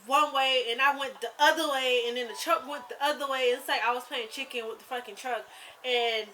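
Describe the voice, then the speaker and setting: A young woman vlogging, telling a scary story in a rambling, animated way with lots of fillers. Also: sits high, a little fast, a little hiss or hum, poor audio. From rural US South. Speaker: YouTuber. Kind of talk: casual storytelling vlog.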